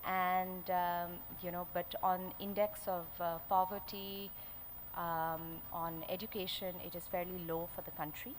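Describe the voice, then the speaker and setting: A woman with an educated, upper-class Indian accent gives a conference keynote in a halting way, pausing often as she goes. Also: fairly low pitch, flat delivery. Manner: hesitant, halting delivery with frequent pauses. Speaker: keynote speaker. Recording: background noise, live event ambience.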